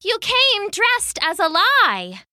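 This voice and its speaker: A woman's voice: very high voice, big pitch swings, unhurried, sharp tone, dry recording, studio quality, pitched above the performer's own voice, heavily acted. A woman voicing a proud, defiant young female weaver who talks back boldly and scornfully. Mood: angry.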